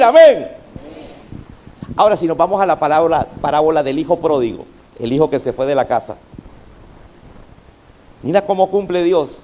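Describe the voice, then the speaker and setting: Middle-aged male pastor, high-pitched, fervent sermon delivery that prods the congregation for responses. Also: darkish tone.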